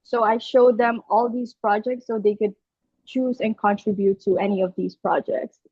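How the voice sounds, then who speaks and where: A young woman from Aruba with a Filipino accent is a guest in a conversational podcast interview, earnestly laying out her views step by step with small restarts. Her mid-range, dark-toned voice keeps a normal speed and fairly even intonation, captured in dull, dry, lo-fi call audio with no echo.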